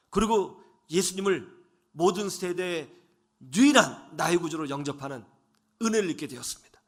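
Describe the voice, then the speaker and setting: Dramatic male preacher, lively pitch. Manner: dramatic, swings from loud to hushed whispers. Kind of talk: radio sermon storytelling.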